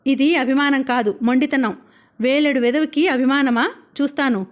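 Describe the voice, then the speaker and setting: A woman's voice: high-pitched, steady tone, normal speed, dull audio, natural voice. A woman reading the part of a strict young woman who scolds her family in an insistent voice. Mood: scolding. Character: stern strict young woman, eldest sister.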